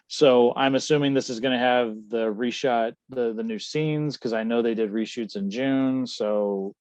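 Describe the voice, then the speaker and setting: A man's voice: mid-range voice, normal speed, a little mellow, smooth, no echo. A man talking as a guest in a casual podcast chat, rambling and correcting himself as he speculates. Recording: dull dry lo-fi sound.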